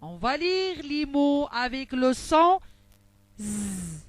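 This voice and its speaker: Female teacher voice, high and clearly enunciated, dry close recording, for early reading lessons. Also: animated, dry recording. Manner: slow, carefully articulated, syllable by syllable. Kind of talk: slow phonics lesson for young children.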